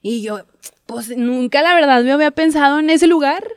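A young woman, telling her story as a guest in a casual interview, chatty and quick to laugh. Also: high voice, no room sound, studio quality. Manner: chatty storyteller, laughs often, acts out quotes. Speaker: guest, TV reporter.

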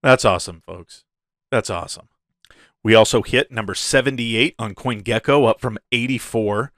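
A man's voice: on the low side, moderate pace, a bit bright, no room sound, clean studio sound. A man hosting a casual crypto update in the gushing, hyped-up manner of a crypto bro, often chuckling as he talks. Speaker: crypto video host.

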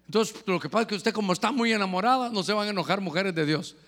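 A male pastor preaches with animation and keeps turning questions on his congregation. His voice sits high and sounds bright and forceful. It carries a long echo from a church hall. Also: fast. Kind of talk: sermon.

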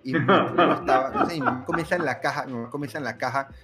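A man's voice: mid-range voice, rapid-fire, over loud music. A young man with a Colombian accent, casually telling a family story and acting out the people he quotes. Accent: Colombian Spanish. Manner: animated, repeats himself, acts out the voices he quotes.

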